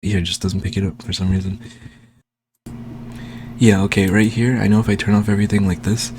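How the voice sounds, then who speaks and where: A man slowly explaining a speaking technique in a casual home tutorial, recorded on a desk microphone. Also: lowish voice, level tone, background noise. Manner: slow, unhurried, talking while demonstrating. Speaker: language learning vlogger.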